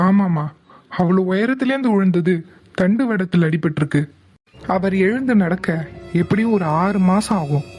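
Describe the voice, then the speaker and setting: An actor voicing a kind young male village doctor in an animated drama, speaking calmly and patiently. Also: sits high, normal speed, faint music behind. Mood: reassuring. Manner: calm, patient, explains steadily. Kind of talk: animated cartoon voice acting.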